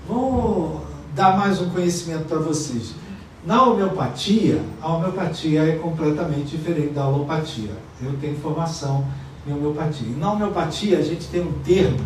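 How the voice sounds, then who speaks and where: A Brazilian man preaching a sermon as pastor, shifting from quiet asides to loud acted-out quotes. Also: on the high side, recorded from a distance, a little hiss or hum. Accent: Brazilian Portuguese. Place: church sanctuary. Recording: echoey church room miked from afar.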